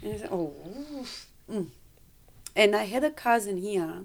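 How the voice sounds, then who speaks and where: A woman in her fifties from Romania with a Romanian accent, speaking English as a second language as a podcast guest, halting and searching for words, animated when retelling. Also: medium pitch. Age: 50s. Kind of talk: conversational interview.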